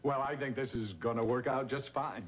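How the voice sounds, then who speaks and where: Soap role: actor as genial host, mid-pitched, faint hiss. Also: male voice, steady tone, normal speed, lightly acted. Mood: friendly. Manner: friendly, chatty, laughs easily. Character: genial married host of a large estate. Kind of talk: 1980s TV soap acting.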